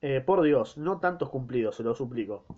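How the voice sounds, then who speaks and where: A man's voice: mid-range voice, expressive, moderate pace, lightly acted. Argentine man reading as a jealous peasant husband, blunt and protesting, muffled lo-fi sound. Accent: Argentine Spanish.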